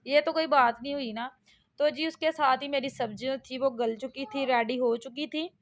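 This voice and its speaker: A woman's voice: high-pitched, fairly even intonation, normal speed. A middle-aged woman from Pakistan, talking casually and rambling through a home cooking vlog. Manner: chatty and rambling, with frequent fillers and laughs at herself. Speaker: vlogger.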